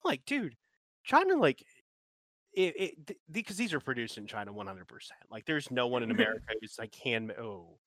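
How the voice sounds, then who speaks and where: A man's voice: medium pitch, sing-song, moderate pace, fairly bright tone, no echo. A man co-hosting a casual podcast chat, ranting and rambling with lots of "like" and restarts. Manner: rambling, ranting, heavy use of filler "like".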